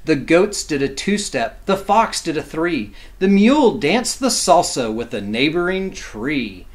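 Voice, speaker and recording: Here a male teacher brings a children's storybook to life, explaining bits in plain words for the young audience. He speaks on the high side and a little slowly.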